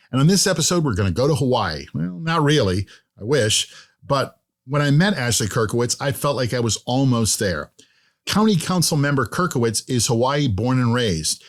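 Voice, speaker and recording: Folksy male podcast host. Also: mid-range voice. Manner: friendly, folksy, jokes lightly. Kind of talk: scripted podcast narration and interview.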